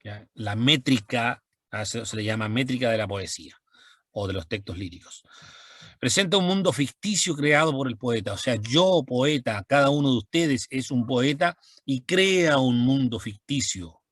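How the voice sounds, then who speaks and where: A man's voice: mid-range voice, lively intonation, no echo. Man teaching a poetry lesson, dry sound. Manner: explains slowly with repetition and many fillers. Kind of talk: recorded language lesson.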